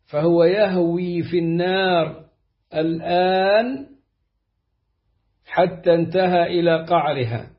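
A man reading hadith and their explanations in a slow, deliberate recitation, drawing out his phrases. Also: on the high side. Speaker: hadith reader. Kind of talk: measured reading of hadith with commentary. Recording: dull lo-fi recording.

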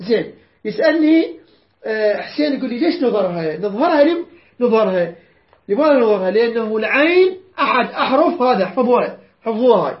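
A man's voice: extremely high pitch, very animated, quick pace. Man teaching Quran recitation. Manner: patient, repeats and quizzes students. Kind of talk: tajweed lesson with call-and-response drills. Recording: roomy, dull lo-fi recording.

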